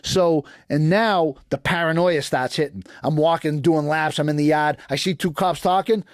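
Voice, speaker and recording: A middle-aged man with a thick Boston accent talks in a fairly high voice. He recounts his stories animatedly, slipping into other people's voices and padding his lines with fillers. The recording is dry and close, with little room sound. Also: normal speed, no room sound. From East Boston, USA. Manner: animated storyteller acting out dialogue, frequent fillers. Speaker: guest, former prisoner. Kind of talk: podcast interview storytelling.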